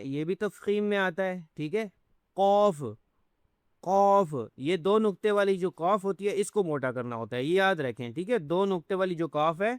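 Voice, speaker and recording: A man's voice: high voice, clear, resonant tone, no room sound, studio quality. A man teaching letter pronunciation step by step, patiently repeating each sound and checking in often. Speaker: Quran teacher.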